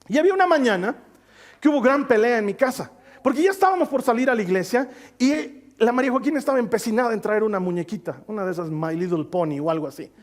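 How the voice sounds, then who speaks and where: Male pastor, high voice, sermon delivery, animated storyteller who shifts between loud and soft. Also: fast. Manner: asks the congregation to read scripture aloud with him.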